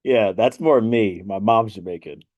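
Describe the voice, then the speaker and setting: A man hosting an interview, relaxed and encouraging, his voice trailing off softly. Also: lowish voice, normal speed, lo-fi sound. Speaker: host. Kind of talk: casual interview chat.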